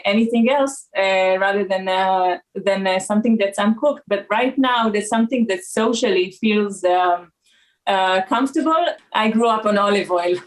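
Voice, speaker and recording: A woman in her forties from Israel, with an Israeli accent and a mid-range voice, speaks as a raw food consultant guesting in a casual interview. She is hesitant, pausing often with lots of "uh" and "um," and the recording quality is low.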